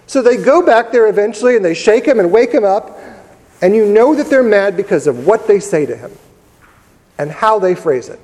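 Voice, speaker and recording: A man preaching a sermon in a church, telling the story in a conversational way with pauses and repeated words. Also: high voice, animated, darkish tone. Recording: long reverb of a large church hall.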